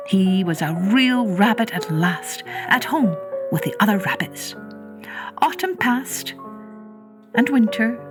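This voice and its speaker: A woman storyteller with a fairly high voice reads a children's tale expressively. Her phrasing is gentle and drawn out, with touches of breathy whisper.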